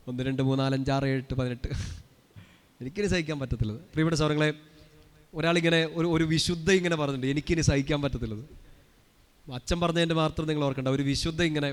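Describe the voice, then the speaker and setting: A male priest preaches rapidly to a gathered congregation, his fairly high voice trailing a long reverb through a large prayer hall. He keeps it conversational, tossing questions at the listeners and prompting them to respond together. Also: smooth. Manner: chatty, asks the crowd questions and has them answer. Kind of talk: live sermon to a congregation.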